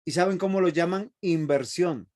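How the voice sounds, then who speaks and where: A man's voice: sits high, moderate pace, a little mellow. A man teaching a seminary Bible class, emphatic and often asking the class rhetorical questions.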